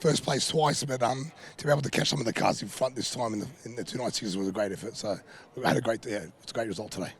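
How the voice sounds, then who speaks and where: A man with a hoarse, croaky voice who won his class, giving short, soft answers. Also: medium pitch, very fast. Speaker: class-winning race driver.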